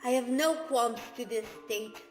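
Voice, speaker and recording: A woman's voice: a little high, over music. A woman voicing a lonely, proud alien hive-mind remnant in a fan game, speaking solemnly through an echoing chorus-like effect. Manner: solemn, formal, slow.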